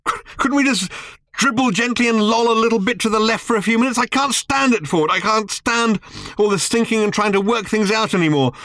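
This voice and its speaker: A man's voice: dry recording, clean studio sound, close to an everyday voice. A man voicing Arthur, a weary, sarcastic human man, in an audiobook reading. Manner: shrill, sarcastic outbursts. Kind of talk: audiobook character voice.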